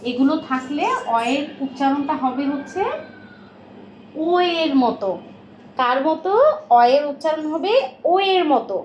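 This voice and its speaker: A woman teaching a children's recitation and pronunciation class, patient and coaxing, often stopping to check that the children follow. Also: sits high. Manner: patient, coaxing, asks many check questions. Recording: roomy, dull, faint hiss.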